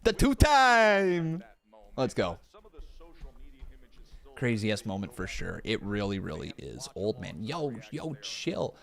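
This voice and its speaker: This thirties-aged Canadian pro wrestling streamer has a lowish voice with vocal fry, speaking slowly and pausing often. Sitting in a room of his rented home, he talks straight to his live chat in a lively, casual way, occasionally cursing and poking fun at himself.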